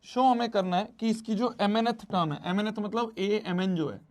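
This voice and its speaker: A man's voice: high-pitched, unhurried, a little mellow. A man teaching a math lesson, repeating his phrases and mixing Hindi with English math terms.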